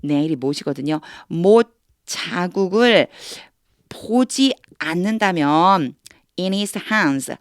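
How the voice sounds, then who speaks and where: A woman's voice: fairly low pitch, expressive, takes it slowly, no echo, clean studio sound. A woman teaching English through Bible reading, explaining each phrase patiently and repeating words to drill pronunciation.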